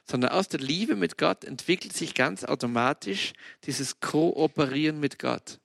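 A man gives a casual devotional podcast talk, telling lively stories and dropping in English exclamations. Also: a little high, measured pace, gravelly, dry recording. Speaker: podcast host.

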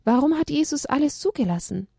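A woman reading a children's story aloud, expressive and dramatic. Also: sits high, fairly quick, creaky, dry recording, clean studio sound.

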